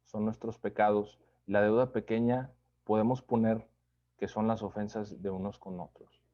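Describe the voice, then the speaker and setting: A man giving a conversational Bible study sermon, unhurried, often checking in with listeners through tag questions. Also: lowish voice, fairly even intonation, mellow, highs cut off.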